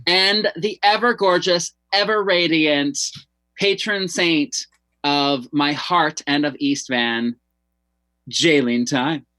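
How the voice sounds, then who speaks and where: A man's voice: fairly high pitch, takes it slowly, bright, forceful tone, dry recording. A man with the campy, theatrical, gushing flair of a drag queen, chattily hosting a casual talk show.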